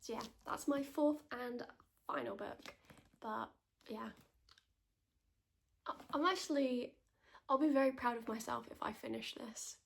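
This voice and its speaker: A woman talking softly in a hushed, partly whispered library ASMR style, chatting about books as a reviewer. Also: fairly high pitch, unhurried, creaky, long pauses, slight background noise. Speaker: book reviewer. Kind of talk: whispered ASMR book recommendations.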